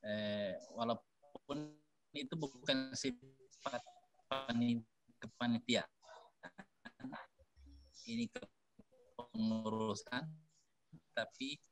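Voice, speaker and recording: A man talks in an online meeting, halting and full of fillers and restarts. His mid-range voice comes through a poor call connection, so it turns choppy and breaks up. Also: mid-range voice, animated, music in the background. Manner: hesitant, with many fillers and restarts. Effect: voice choppy and breaking up over a bad online call connection. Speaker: alumni meeting participant. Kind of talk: casual online meeting talk. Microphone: video call.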